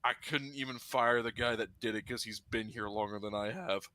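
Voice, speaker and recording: A man voicing a calm, matter-of-fact young male pizza shop manager, speaking flatly and a little lower than his own voice. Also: normal speed, dry recording, natural voice. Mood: calm deadpan.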